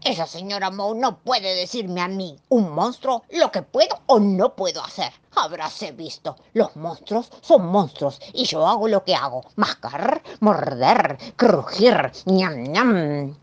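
A woman voicing a greedy, stubborn male monster in a storybook, with a Rioplatense accent, munching and chomping. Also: lively intonation. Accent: Rioplatense Spanish. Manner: munching, stubborn, slow in the low lines. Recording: dull lo-fi recording.

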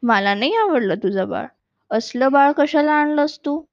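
A woman putting on a jealous little big sister from a storybook, whining and pleading in a high voice. She drags her words out slowly. The recording sounds dull and lo-fi. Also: expressive, no room sound. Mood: petulant. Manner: whiny, pleading. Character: sulky little girl, jealous older sister.

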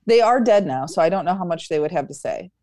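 A woman's voice: lowish voice, expressive, fast, darkish tone. A woman comedian guesting on a podcast, joking and teasing in casual chat. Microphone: studio microphone.

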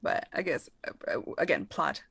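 A woman's voice: sits low, lively intonation, moderate pace, vocal fry, a bit bright. A woman in her thirties co-hosting a podcast, chatting candidly and laughing often. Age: 30s. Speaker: podcast co-host. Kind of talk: casual chat.

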